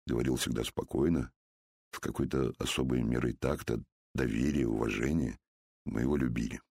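Man, first-person memoir narration, calm measured telling, very low voice, dry close sound. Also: vocal fry, husky, no echo.

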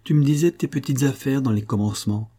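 A man voicing a kind young invalid lady who speaks softly and coaxingly. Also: medium pitch, fast talker, pitched above the performer's own voice, lightly acted. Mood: gentle. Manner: soft, coaxing.

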